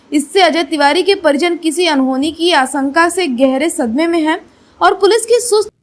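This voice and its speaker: High-voiced woman reading the news. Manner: steady formal news reading. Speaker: news narrator. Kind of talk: scripted news voice-over.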